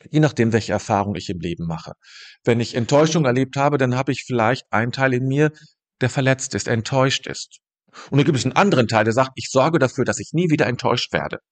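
A man teaching about meditation in a calm, thoughtful way, speaking directly to the listener and pausing to rephrase his ideas. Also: medium pitch. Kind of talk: reflective spoken teaching monologue.

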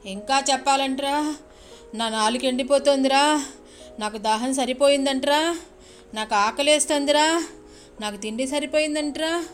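A woman voicing a male village shaman possessed by a furious goddess, shouting threats in a raised, strained voice. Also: high voice, faint music behind, pitched above the performer's own voice, close to an everyday voice. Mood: furious, raging. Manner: shouting, threatening, drawn-out menacing cries. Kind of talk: storytelling.

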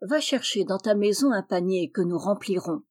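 A friendly, clever little bee from a children's storybook, voiced by a woman. She talks in a lively, confiding way with a warm, relaxed tone. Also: medium pitch, moderate pace, lightly acted. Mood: calm.

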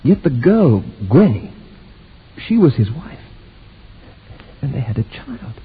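A male actor playing a troubled nephew, telling his story in deliberate, brooding first-person radio narration. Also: mid-range voice, very animated, breathy edge, full character voice. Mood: haunted, questioning. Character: haunted, troubled nephew recounting his strange tale. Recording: tinny, narrow-band old radio recording.

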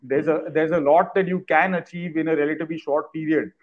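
A man's voice: on the high side, fairly even intonation, quick pace, muffled recording. A man with an Indian accent speaking as a guest in a casual panel discussion.

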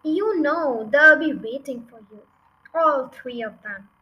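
Woman reading as a high-voiced, cautious mother fox. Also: animated, slow, dull audio. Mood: worried. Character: caring, cautious female fox wife and mother.

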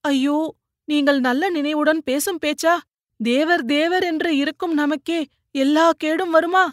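A woman's voice: sits high, steady tone, measured pace, no room sound, clean studio sound, voice pushed up. A woman voicing an anguished, pleading wife. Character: distraught wife pleading with her ailing husband.

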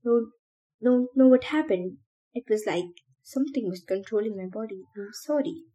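A woman's voice: a little high, normal speed, mellow, slightly rough. A woman reading aloud, voicing a troubled, confused teenage boy in a strained, pleading tone.

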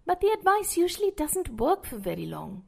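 Lively, gravelly woman giving parenting advice. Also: very high-pitched. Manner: measured, explanatory, addresses the listener directly. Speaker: parenting podcast host. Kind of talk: scripted advice narration.

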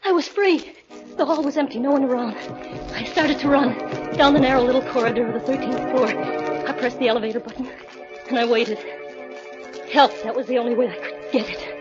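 A woman's voice: high-pitched, fairly even intonation, a little fast, over music, lightly acted. An actress playing a frightened young woman in a 1940s radio drama, pleading and breathless. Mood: tense narration. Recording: dull old radio broadcast recording.

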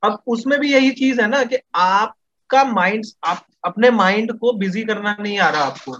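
A man's voice: high-pitched, a little slow, a bit bright, highs cut off. A man talking as a podcast guest in a casual discussion, explaining at length with many fillers. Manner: explains at length, Hinglish mixing, frequent fillers.

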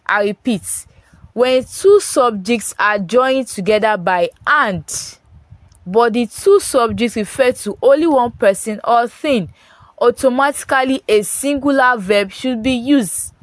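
A woman's voice: unhurried, no room sound. Female teacher, voice-note grammar lesson, dry close sound, patient and repetitive. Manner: repeats points, checks in with "Do you understand?"; rises in pitch when stressing contrasts. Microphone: phone voice note.

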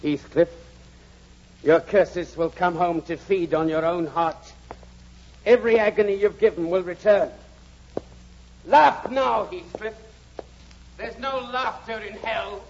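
A man's voice: high voice, fairly even intonation, slow pace, pauses often, a little hiss or hum. An actor playing a bitter, drunken young man consumed by hate, brooding and venomous in 1940s radio acting, on a dull old radio broadcast. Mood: cursing. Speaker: Hindley.

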